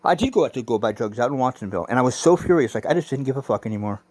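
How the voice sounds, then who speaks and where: A man's voice: medium pitch, expressive, rapid-fire, a little mellow, dry recording. A middle-aged man telling personal stories in a rambling, profane, intense monologue, arguing back and forth with himself. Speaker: vlogger.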